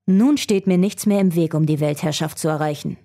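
Woman voicing a male researcher villain, gloating, theatrical, mellow, storybook reading. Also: low-pitched, fairly quick. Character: scheming male researcher villain craving world power.

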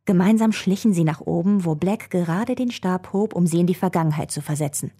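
A woman reading a children's adventure story aloud, telling it in a calm, even way. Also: on the low side, brisk, breathy edge.

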